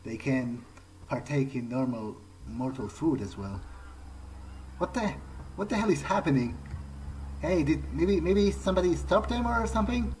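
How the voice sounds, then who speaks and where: Very animated yet hesitant and musing, a let's play host talks in character through his gameplay. His voice runs on the high side with a darkish tone at a moderate pace; the rough recording carries slight noise and faint game music.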